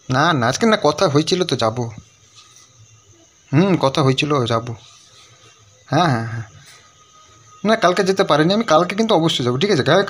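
A young man with a slightly high voice chats easily with his viewers and keeps asking whether they follow. On the phone he drops to a hushed, soft murmur. A faint hiss of noise runs behind the recording. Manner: chatty, keeps asking "ঠিক আছে?"; speaks low and soft on the phone. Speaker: prank video creator. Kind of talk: casual vlog and staged phone call.

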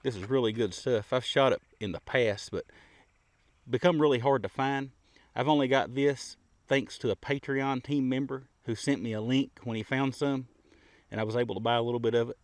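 A middle-aged man talks in a plain, easygoing way and explains his setup step by step, like the host of a casual shooting vlog. His voice sits at an ordinary middle pitch. He is recorded on a camera mic at a covered outdoor shooting bench. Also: steady tone, moderate pace, dry recording.

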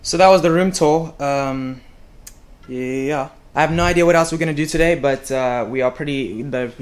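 A man's voice: a little high, moderate pace, clear, resonant tone, soft background music. A young man vlogging casually to a handheld camera, rambling and stumbling over his words, joking as he goes. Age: young adult. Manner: rambling, self-interrupting, playful. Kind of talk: casual travel vlog. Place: hotel room and outdoors, handheld. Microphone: camera mic at arm's length.

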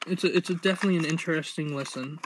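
In an unscripted show-and-tell, a young vlogger with a slightly higher-pitched voice shows his collection to the camera. He speaks haltingly and rambles, full of hesitations. The handheld phone or camera recording is amateur, fuzzy and noisy.

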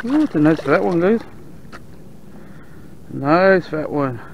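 A man with a South Texas accent giving relaxed running commentary while fishing from a kayak on open bay water, talking to the fish and his viewers. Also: a little high, slow, gravelly. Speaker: fishing vlogger. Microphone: action camera on the kayak. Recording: dull outdoor camera audio with faint water noise.

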